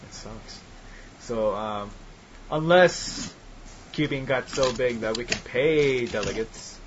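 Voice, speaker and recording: A man's voice: medium pitch, slow pace, background noise. A man hosting a casual group chat over an online call, talking loosely with plenty of filler words. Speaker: podcast host. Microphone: computer mic on a voice call. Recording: dull lo-fi online call audio.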